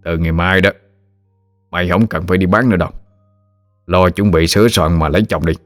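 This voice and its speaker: A man's voice: low-pitched, fairly even intonation, a little fast, faint music behind, lightly acted. A man voicing a greedy, drunken village father who scolds and threatens harshly. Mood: commanding.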